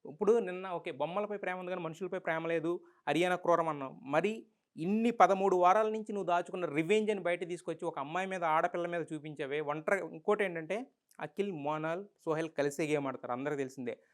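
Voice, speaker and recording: Fast, argumentative Telugu-accented man. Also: high voice. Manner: argumentative, rhetorical questions, emphatic. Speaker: reality show reviewer. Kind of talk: opinionated commentary monologue.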